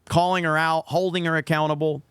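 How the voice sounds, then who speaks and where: A man's voice: a little high, little pitch movement, brisk, a bit bright, clear, resonant tone, no room sound. A man giving casual, opinionated commentary on gaming clips in a blunt, sarcastic, sweary manner.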